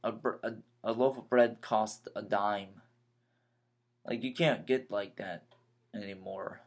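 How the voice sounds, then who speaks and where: A nineteen-year-old man talking in a rambling personal vlog, halting and repeating himself as he vents his frustrations. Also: on the low side, steady tone. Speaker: vlogger.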